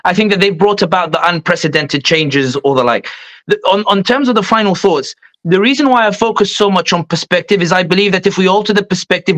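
High-voiced Tunisian-born man rallying listeners. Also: a bit bright. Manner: earnest, rallying, addresses listeners directly. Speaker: panel speaker. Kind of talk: impassioned panel reflection.

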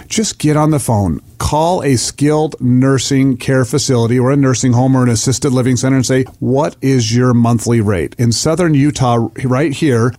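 A man's voice: medium pitch, dark tone. A middle-aged man with an American accent talks as a financial advisor on a radio show. His mid-range voice explains things conversationally, with emphatic check-ins along the way.

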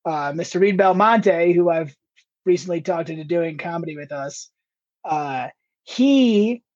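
This Ohio-born comedian, a Midwest stand-up guesting on a podcast, rambles casually and is quick to laugh. His voice runs on the high side, a little slow and a little mellow. The audio is dull and lo-fi.

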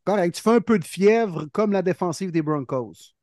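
Man, Quebec French accent, podcast host, high-pitched voice, joking casual banter, dry sound. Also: animated, moderate pace, darkish tone, no room sound. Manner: joking, colorful turns of phrase.

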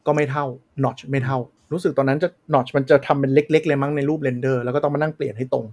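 A man's voice: medium pitch, steady tone, fast talker, darkish tone. A man co-hosting a casual tech podcast, explaining at length with many fillers. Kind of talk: casual chat.

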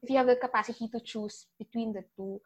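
A young woman in her twenties with a Filipino accent, a guest giving chatty big-sister advice and often trailing off softly. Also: a little high, fairly even intonation, fast talker, breathy edge, poor audio. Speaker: interview guest, older sister. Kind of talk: casual interview mixing English and Tagalog.

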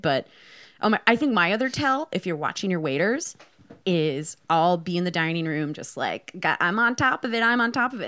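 A woman's voice: fairly low pitch, clean tone. A woman and former server chatting casually on a podcast, jokey and acting out scenes from work. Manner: jokey, animated, acts out scenes. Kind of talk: casual chat.

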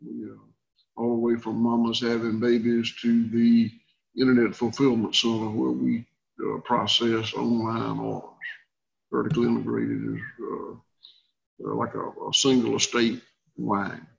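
A man's voice: mid-range voice, little pitch movement, a little slow, creaky, lo-fi sound. A man with a Southern accent from Georgia, giving conversational interview answers as a farmer. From rural Georgia, US. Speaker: guest, farmer.

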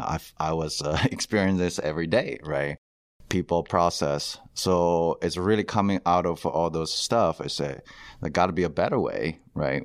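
A man's voice: extremely low pitch, no echo, clean studio sound. A man, chatting loosely as an interview guest with lots of fillers. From China. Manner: loose, chatty, many fillers and laughs, non-native grammar. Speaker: guest, company founder. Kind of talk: casual interview chat.

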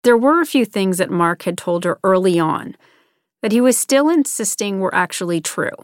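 A woman hosting a podcast, giving measured, scripted true-crime narration and interview questions. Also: medium pitch, expressive, clear, resonant tone, no echo, clean studio sound.

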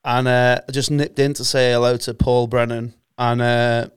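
A man's voice: mid-range voice, flat delivery, normal speed, clean tone, no echo, studio quality. A man, chatting and bantering casually as a podcast co-host. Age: 40s.

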